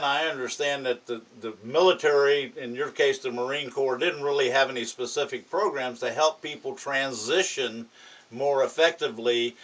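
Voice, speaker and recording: A man's voice: mid-range voice, a bit bright, far from the mic, poor audio. A man in later life talks as a veteran looking back. He is plain-spoken and conversational, and his voice sounds set back from the microphone. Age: older. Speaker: war veteran on an interview panel. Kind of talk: conversational interview talk.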